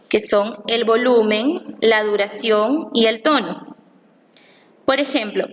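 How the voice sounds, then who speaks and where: A woman reading a scripted lesson aloud, slowly and carefully, stressing each syllable she explains. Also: fairly high pitch, a bit bright. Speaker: teacher. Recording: long reverb, faint room noise.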